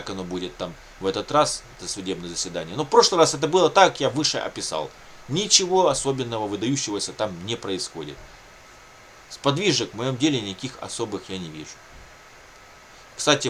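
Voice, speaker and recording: With a mid-range, slightly bright voice and a faint hiss or hum in the background, a Russian-speaking video blogger chats to his viewers about what's happening to him. His talk is casual and unscripted, rambling and repetitive, full of colloquial catchphrases.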